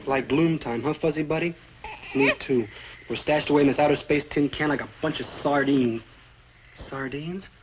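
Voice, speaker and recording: An actor playing a hungry, childish, cowardly young American beatnik in a 1960s sitcom, talking in slang and dramatic exclamations. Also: male voice, fairly high pitch, steady tone, normal speed, noisy background, lightly acted. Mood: gloomy dreaming. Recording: old TV soundtrack with music behind.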